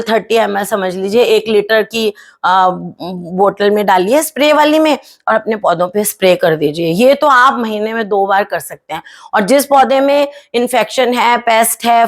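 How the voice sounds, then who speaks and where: A woman hosts a home gardening tutorial, talking in a chatty, explanatory way with frequent fillers and tag questions, and into her speech. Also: fairly high pitch. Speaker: gardening channel host.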